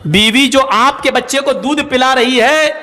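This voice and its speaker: Patient questioning elder ruler, as a preacher puts him on, high voice. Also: male voice, sharp tone. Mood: coaxing. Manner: coaxing, questioning. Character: wise, patient caliph, older man, questioning. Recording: long hall reverb.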